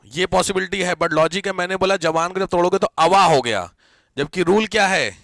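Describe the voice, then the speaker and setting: A man's voice: sits high, moderate pace, vocal fry, no room sound, clean studio sound. A man teaching a live grammar class, quizzing and teasing his students as he goes. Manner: lively, teasing, questions students often.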